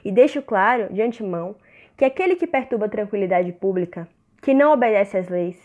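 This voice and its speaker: A woman's voice: mid-range voice, lively intonation, a little fast, a little mellow, lo-fi sound, close to an everyday voice. A woman playing the Law as a solemn, stern authority in a declamatory, formal radio drama monologue.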